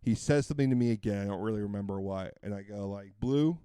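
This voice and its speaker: Guy rambling thru a story, kinda low voice, lots of um and like, dry close sound. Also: rapid-fire, dark tone, clear, resonant tone, no room sound. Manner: rambling, full of fillers and restarts. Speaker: podcast co-host. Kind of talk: casual storytelling chat.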